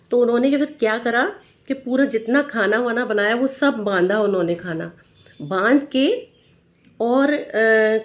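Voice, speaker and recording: Woman, Braj accent, devotional storyteller, repetitive, explains local words, fairly high voice.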